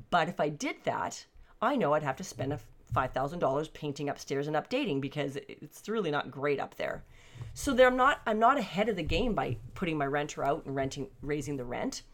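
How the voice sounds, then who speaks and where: A woman's voice: deep voice, fairly bright tone. An older woman talking candidly and conversationally to camera at home, thinking aloud about her life. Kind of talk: personal reflective monologue. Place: basement suite at home.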